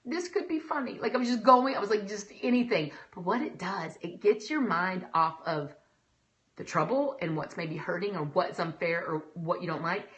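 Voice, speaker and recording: A woman hosting a faith-based encouragement talk, chatty and animated, talking straight to her viewers. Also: on the low side, moderate pace. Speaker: host.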